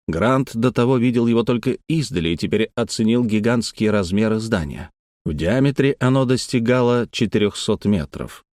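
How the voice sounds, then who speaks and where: A man reading an adventure novel aloud as an audiobook narrator, steady and measured. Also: on the low side, no echo, studio quality. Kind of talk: scripted narration.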